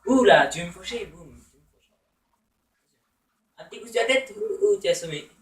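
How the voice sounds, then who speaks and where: A man's voice: high voice, animated, moderate pace, echoey room, far from the mic, poor audio. A man giving casual, playful let's-play commentary, teasing opponents with taunts and exclamations. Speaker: gamer.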